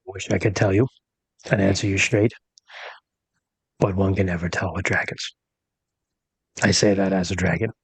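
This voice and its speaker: Man putting on a solemn, husky dragon voice. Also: deep voice, flat delivery, no room sound, exaggerated voice. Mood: grave, resigned. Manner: solemn, formal, measured dragon voice. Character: grave, cautious male dragon ally, cryptic counsellor.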